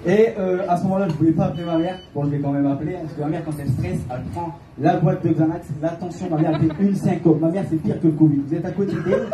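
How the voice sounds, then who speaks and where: A man's voice: on the high side, fast talker, few pauses. A young man from Calais with a northern French accent, doing a rambling stand-up set in a comedy club. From Calais, northern France. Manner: rambling, hesitant with frequent filler sounds. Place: comedy club stage, heard from the audience. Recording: echoey club audio from a distant mic. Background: audience laughter and room noise.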